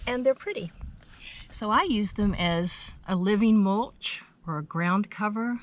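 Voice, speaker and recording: An American woman narrating an informative garden tour in plain, measured phrases, unscripted, as a home gardener. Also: mid-range voice, lively intonation. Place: outdoors in a home front garden. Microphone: handheld camera's built-in mic. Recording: outdoor handheld recording with ambient noise.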